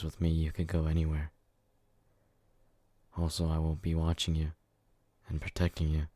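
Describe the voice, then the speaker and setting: In an ASMR romance roleplay, a man voices a jealous, brutish, devoted lover, murmuring with clingy, obsessive intensity. His voice is extremely low and dark, recorded close and dry with no room sound.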